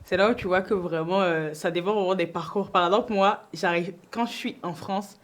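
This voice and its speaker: Lively young woman host from Ivory Coast. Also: fairly low pitch, brisk. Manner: lively, laughs often while talking. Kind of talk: casual interview chat.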